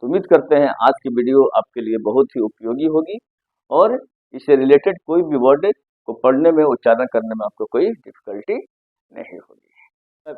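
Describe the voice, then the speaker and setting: A man's voice: mid-range voice, animated, moderate pace, no room sound, narrow, tinny audio. A man teaching an English pronunciation lesson, spelling words letter by letter and asking questions that he answers himself. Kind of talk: Hindi-language pronunciation lesson.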